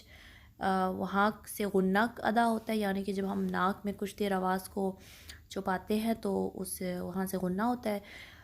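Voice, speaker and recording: A woman teaching an online Quran pronunciation lesson, explaining step by step and slipping English phrases into Urdu. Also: mid-range voice. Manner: slowly draws out example words for practice; careful, apologetic about her Urdu reading.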